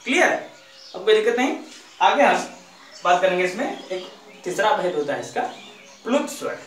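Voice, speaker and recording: Male teacher, high animated voice, quizzes and repeats patiently; roomy echo, distant mic. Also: normal speed, a little hiss or hum. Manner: patient, repeats questions and answers them himself. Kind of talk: classroom grammar lesson.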